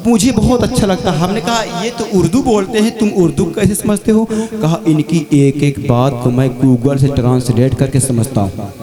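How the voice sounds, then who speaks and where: A man hosting a religious gathering, delivering an impassioned speech full of rhetorical questions and rising into chanted slogans and shouts. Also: on the high side, moderate pace. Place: large outdoor religious gathering. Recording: loud crowd behind the voice.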